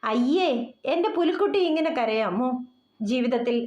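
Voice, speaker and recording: A woman voicing a caring, protective older-brother figure who coaxes gently, in a roomy, dull recording. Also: high voice, lively intonation, normal speed. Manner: gentle, coaxing.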